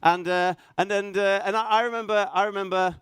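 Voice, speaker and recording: A middle-aged man, raised in Norway, speaking at a conference, halting and self-deprecating, full of restarts and fillers. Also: high voice, steady tone, a bit bright, clean tone, no room sound. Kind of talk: hesitant conference talk. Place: conference hall stage.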